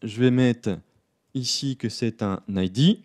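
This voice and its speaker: A man giving a live coding talk at a conference, relaxed and self-deprecating, with many fillers. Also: mid-range voice, takes it slowly. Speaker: conference speaker. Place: conference room.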